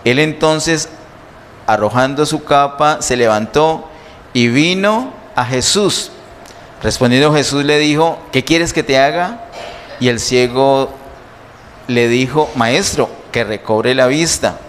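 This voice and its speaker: A male pastor preaching slowly and emphatically, asking the congregation rhetorical questions. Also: medium pitch, a bit bright. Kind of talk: sermon. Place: church sanctuary. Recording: long church reverb, faint noise.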